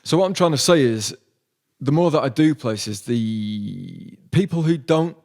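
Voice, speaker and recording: Guest, man, mid-pitched, rambling anecdotal storyteller, lots of ums. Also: animated, unhurried, vocal fry, a little mellow. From Yorkshire, England. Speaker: podcast guest, comedian-poet. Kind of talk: casual storytelling chat.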